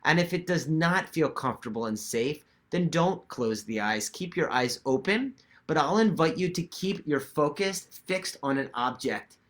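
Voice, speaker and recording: Man gently leading a guided meditation. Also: fairly high pitch, expressive, normal speed, hardly any pauses. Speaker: meditation teacher. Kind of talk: guided meditation instruction, spoken to viewers.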